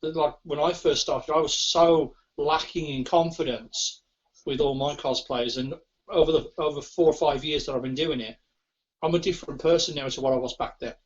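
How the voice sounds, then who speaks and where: A man's voice: a little high, fairly even intonation, moderate pace. A man, a cosplayer, chatting casually and agreeing, with stammered restarts. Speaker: cosplayer guest. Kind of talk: casual convention interview chat. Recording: muffled lo-fi convention recording.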